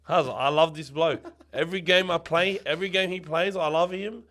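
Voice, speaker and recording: A man's voice: a little high, moderate pace, fairly bright tone. A man with a Lebanese-influenced Sydney Australian accent, co-hosting casual sports banter in a blokey, enthusiastic, sweary way. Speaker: podcast co-host.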